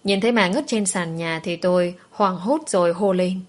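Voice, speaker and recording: A young woman calmly narrating a first-person story. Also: on the low side, moderate pace. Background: faint background music.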